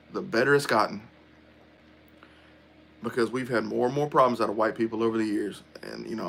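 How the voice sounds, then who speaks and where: A man's voice: on the low side, a bit bright. A middle-aged man, chatting casually on a livestream and answering viewer comments aloud. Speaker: livestream host.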